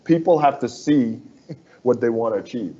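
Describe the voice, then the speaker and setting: A man's voice: medium pitch, expressive, moderate pace, dark tone, highs cut off. A man from the Bahamas, a construction firm executive, speaking as an interview guest in an earnest, persuasive way that repeats phrases for emphasis.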